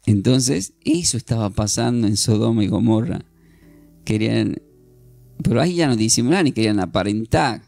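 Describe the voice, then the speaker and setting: A man teaching an informal Bible class, animated and jokey, acting out scenes and often restarting. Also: fairly low pitch, moderate pace, gravelly, soft background music.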